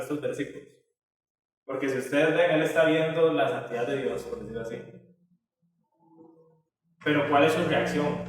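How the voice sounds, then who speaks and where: A man teaching a Bible study lesson in a conversational way, with many filler tags and restarts. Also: a little high. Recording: echoey hall from far off.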